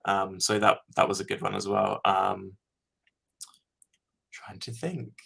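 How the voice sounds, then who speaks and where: Aussie fan film guy chatting, kinda deep and gravelly, lots of um. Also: little pitch movement, takes it slowly, fairly bright tone. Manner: thoughtful, many ums while recalling. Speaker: fan filmmaker guest. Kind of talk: casual interview chat.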